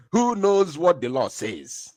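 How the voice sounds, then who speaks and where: A man hosting a live-streamed news commentary, emphatic and excitable. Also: dry recording, clean studio sound. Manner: emphatic, excitable, animated swings in pitch and loudness. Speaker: online news show host.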